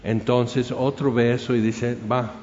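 A man preaching, telling a martyr's story in an animated way, with many fillers and acted-out crowd shouts. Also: mid-range voice, unhurried. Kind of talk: sermon storytelling. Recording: dull sound in a reverberant hall.

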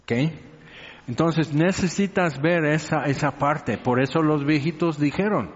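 A man preaching a sermon, conversational and teasing, often asking his listeners questions. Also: on the high side. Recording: reverberant hall, dull lo-fi sound.

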